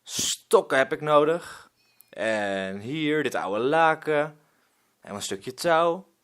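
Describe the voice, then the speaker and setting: Give me a grumbling old ex-pirate, put on by a male storyteller, slow and lively in pitch. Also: clean tone. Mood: musing. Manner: grumbling, barking orders.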